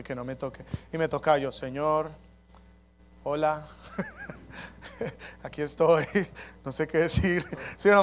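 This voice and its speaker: A man preaching an earnest, personal sermon on prayer, often dropping to soft prayerful tones. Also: on the high side, slight background noise. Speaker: pastor. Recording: music bed under the voice. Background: soft instrumental music.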